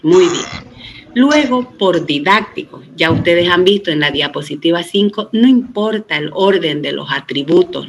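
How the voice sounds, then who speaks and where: A man's voice: high-pitched, a bit bright, slight background noise, poor audio. Patient middle-aged man teaching databases. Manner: patient step-by-step explaining, with frequent tag questions to students; uses 'este' as a filler and often restarts words. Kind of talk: recorded lecture.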